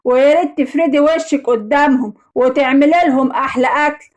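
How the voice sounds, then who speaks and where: A cold, bullying Egyptian husband, put on by a woman storyteller who drawls his insults slowly and heavily. He sneers and belittles his wife at every turn. The voice keeps a high pitch beneath its hard, contemptuous edge. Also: fairly even intonation, darkish tone, natural voice. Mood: scornful. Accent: Egyptian Arabic. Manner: contemptuous, bullying, slow and heavy. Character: harsh domineering husband, adult man, scornful.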